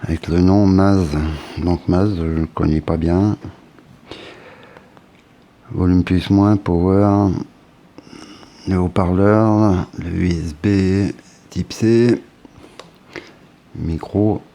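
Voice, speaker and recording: A man's voice: low voice, steady tone, very slow, pauses often, dark tone. A man, casually unboxing a phone and thinking aloud with hesitant fillers. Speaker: tech unboxing vlogger.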